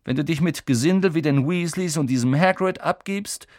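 A man's voice: a little high, normal speed, darkish tone, dry recording, clean studio sound, pitched above the performer's own voice, natural voice. A man voicing an arrogant, mocking rich schoolboy in an audiobook reading. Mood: sneering. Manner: drawling, mocking.

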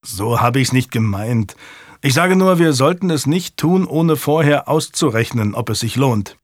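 A man voicing a practical, skeptical male stable master who speaks in a measured way. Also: medium pitch, animated, dry recording, studio quality.

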